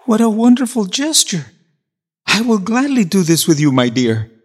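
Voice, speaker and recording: An actor playing a kindly, earnest shoemaker in a children's radio drama. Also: male voice, high-pitched, very animated, moderate pace. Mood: admiring. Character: warm-hearted old-world shoemaker.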